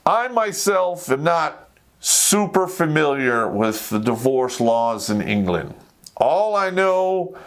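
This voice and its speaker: An American host with a mid-range, somewhat bright voice goes on a live, opinionated rant to camera on his talk show. He's conversational but blunt and profane.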